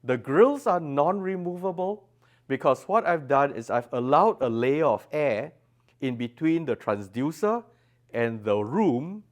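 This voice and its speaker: In an exhibition room at an audio show, a man with an animated voice on the high side presents his designs unhurriedly in an interview-style product demonstration. He puts emphasis on the technical details he explains.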